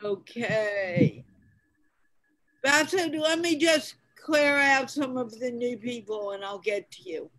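An older woman leads an English conversation class on a video call. Her voice sits high and she speaks slowly, with patient teacherly care, over a call connection. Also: a bit bright, poor audio. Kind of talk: online video call chat.

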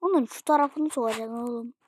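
A woman casually commenting on her own gameplay, excitable and slangy, often yelling at what happens on screen. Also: a little high, a little fast, a little hiss or hum. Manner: excitable, slangy, yells at the game. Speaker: gaming channel host.

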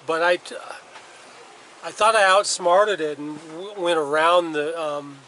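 A man's voice: a little high, unhurried, pushed and bright, slight background noise, poor audio. Rambling middle-aged man on a sailboat. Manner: rambling, self-talking, with restarts and muttered curses. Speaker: solo sailor vlogger. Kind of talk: casual self-filmed vlog. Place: small sailboat at sea, cabin and open deck. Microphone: handheld camera at arm's length.

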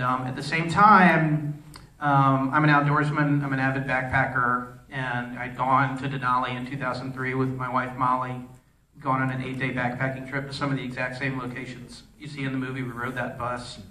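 A film director answering audience questions at a festival Q&A, rambling, restarting sentences and using many fillers. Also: male voice, mid-range voice, pushed and bright. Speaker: film director at a post-screening Q&A. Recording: echoey hall, voice from far off.

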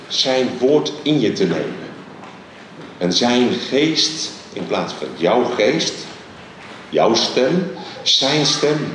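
A middle-aged Dutch guest preacher delivers a sermon on a church stage into a handheld mic, sounding distant from it. His pitch rises and falls with lively, emphatic energy and frequent pauses, echoing heavily through a large hall over a faint ambient hum.

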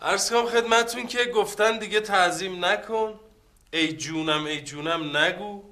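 An actor playing a fawning, flustered young office clerk in a comedy series, stammering when cornered. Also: male voice, high-pitched, steady tone, bright, forceful tone. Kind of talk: sitcom acting.

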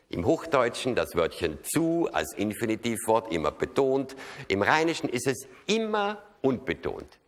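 A man with a Rhineland German accent doing a live cabaret monologue on an opera stage, wry and chatty, always tagging his sentences with little questions. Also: on the low side. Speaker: cabaret comedian. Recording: live hall recording, long reverb, faint noise.

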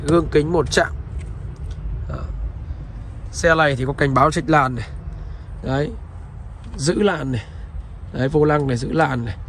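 There's slight background noise behind this man's voice, which sits on the high side. Standing by a car on a roadside and climbing inside it, he runs through a used car walkaround, keeping up a dealer's polite patter toward the viewers.

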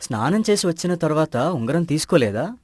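A man voices a calm, curious friend from a village in an animated moral tale, a level-headed type who looks into things patiently. His slightly high voice asks questions with gentle reassurance, a little quickly. The recording is dry, with no room sound.

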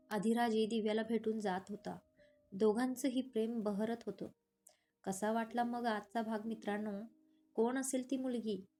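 A woman's voice: fairly high pitch, warm tone. A woman narrating a serialized romantic story as storyteller, reading steadily. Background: faint guitar music.

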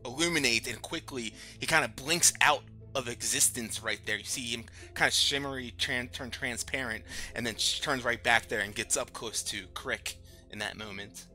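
Guy running a dnd game, low but really crisp bright voice, music in back. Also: moderate pace. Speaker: game master. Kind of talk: narrating a tabletop fantasy game.

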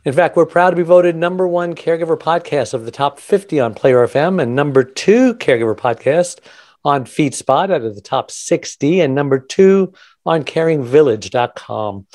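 A man's voice: a little high, lively intonation, normal speed, darkish tone, no room sound. A man hosting a radio-style podcast interview, talking in a chatty, upbeat promo patter. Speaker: podcast host.

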